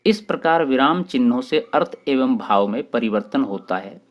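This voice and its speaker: A man hosting his own channel and teaching a grammar lesson for exam preparation, explaining terms one by one with short pauses. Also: mid-range voice, animated.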